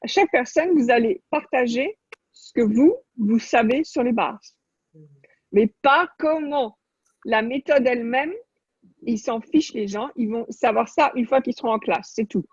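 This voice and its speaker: A woman's voice: a little high, normal speed, slightly rough, no echo. A woman coaching a group on an online call, talking off the cuff in an encouraging, directive way. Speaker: coach leading an online class. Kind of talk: spontaneous coaching talk. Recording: muffled, dull online-call audio.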